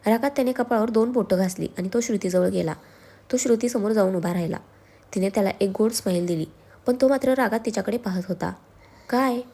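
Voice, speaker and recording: A woman storyteller reading a serialized story in a steady, expressive way. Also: mid-range voice, fast talker. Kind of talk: storytelling narration.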